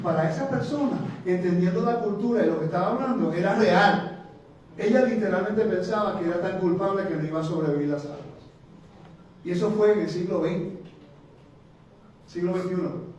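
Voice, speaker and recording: Animated preacher in a very echoey hall. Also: male voice, high-pitched, a little hiss or hum. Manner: animated, asks the audience questions. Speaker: seminar teacher. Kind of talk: teaching seminar to a congregation. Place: church hall. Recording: very echoey hall, distant mic.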